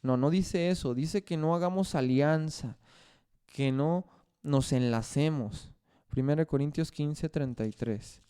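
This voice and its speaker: Pastor, male, sermon delivery, slightly high, warm resonant tone. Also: measured pace, clean tone. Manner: repeats phrases and scripture references while preaching.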